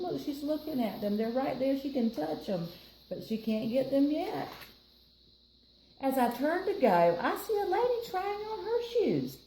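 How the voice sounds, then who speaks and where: A high-pitched, mellow voice belongs to an American woman reading a picture book aloud at a library storytime. She drops in chatty explanations for the children and her co-reader, while the room echoes with faint noise behind her.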